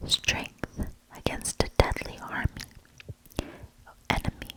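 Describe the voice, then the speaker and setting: This is a low-quality recording of a woman's ASMR storybook reading. She whispers breathily, measured and tender, and lingers between brief phrases.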